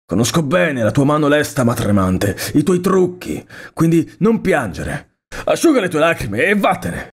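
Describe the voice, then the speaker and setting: A brooding male monster hunter from a storybook, firm and commanding with a wistful edge, as a male reader puts him on. His voice sits higher than the narration and sounds husky. It rises and falls in lively swings. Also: moderate pace, heavily acted. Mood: cold.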